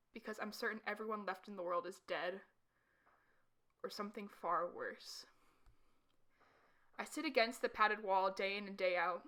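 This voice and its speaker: A woman playing a blinded, paranoid and defiant asylum patient, narrating a horror story with hushed, creeping intensity. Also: mid-range voice, creaky. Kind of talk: dramatic horror story narration in first person.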